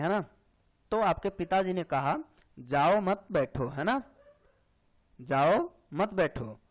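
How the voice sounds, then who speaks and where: A man teaching grammar for exam preparation, explaining slowly and checking in often with "hai na" and "theek hai". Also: fairly high pitch. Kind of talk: exam-prep lecture.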